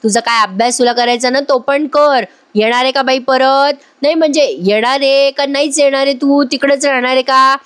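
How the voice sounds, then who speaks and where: A woman voicing a stern middle-aged mother-in-law who scolds with sharp questions. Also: high voice, fairly even intonation, moderate pace, hardly any pauses, smooth, voice pushed up. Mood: scolding.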